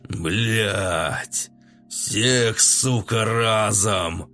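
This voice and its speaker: A man voicing a hulking, gruff male mercenary with a booming voice, in an audiobook. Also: drawn-out words, bright, forceful tone, soft background music, heavily acted. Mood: anguished.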